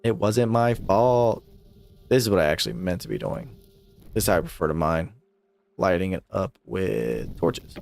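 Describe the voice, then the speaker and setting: A man's voice: low-pitched, animated, normal speed, creaky, a little mellow, faint music behind. A young man streaming a video game live, chatting casually, laughing often and swearing freely. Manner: laid-back, swears a lot, laughs often. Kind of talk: casual live gameplay chat.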